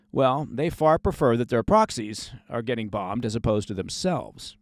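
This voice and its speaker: A man's voice: medium pitch, darkish tone, no room sound, clean studio sound. A man hosting a daily news podcast, reading scripted commentary with sarcastic asides.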